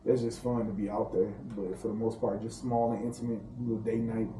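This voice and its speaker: A man's voice: lowish voice, flat delivery, fairly quick, noisy background. A man from St. Louis, a private chef, chatting casually as a podcast guest, telling loose, laughing, slangy stories. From St. Louis, Missouri. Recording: roomy room, distant mic, faint ambience.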